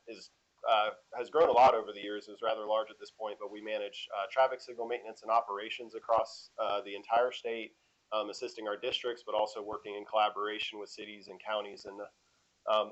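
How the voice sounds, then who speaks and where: A man introducing himself on a conference panel as a traffic engineer, relaxed and joking, with many fillers. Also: on the low side. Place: conference room. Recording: dull lo-fi room audio.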